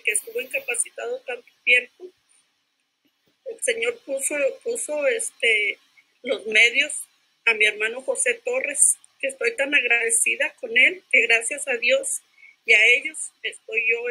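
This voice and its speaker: An older woman giving her personal testimony in a church class. She speaks haltingly, repeats herself and keeps adding tag questions. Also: fairly high pitch, sharp tone, breathy edge, poor audio.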